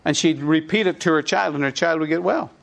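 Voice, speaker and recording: A middle-aged pastor with an Irish accent preaches a sermon in a voice pitched slightly high for a man. He leads the congregation in call-and-response, stressing short lines so they can repeat them. His delivery is brisk, with some vocal fry.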